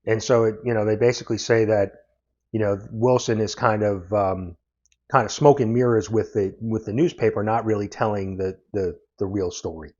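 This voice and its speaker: Low-voiced man recapping a comic. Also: steady tone, moderate pace, darkish tone. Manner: loose, meandering plot recap. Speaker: comic book reviewer. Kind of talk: casual comic book review. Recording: dull lo-fi audio.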